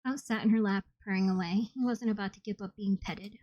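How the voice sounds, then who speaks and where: A woman reading a novel aloud in the first person, steady and plain. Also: medium pitch, a little fast, no echo. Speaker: audiobook reader. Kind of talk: first-person audiobook narration. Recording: slightly dull, dry recording.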